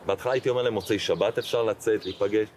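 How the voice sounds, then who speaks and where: Animated male storyteller, noisy recording. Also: fairly low pitch. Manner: animated storyteller acting out dialogue, frequent fillers. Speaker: rabbi and interview guest. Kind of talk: personal storytelling in an interview. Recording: noticeable background noise.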